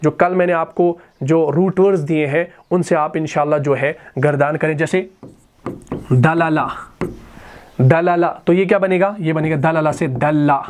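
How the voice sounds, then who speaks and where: Man, high-pitched, grammar lesson, drills each conjugation form by form. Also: steady tone, a little mellow, slight background noise. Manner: recites word forms slowly, then explains in plain terms. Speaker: Quran and Arabic grammar teacher. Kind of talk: explaining verb conjugation.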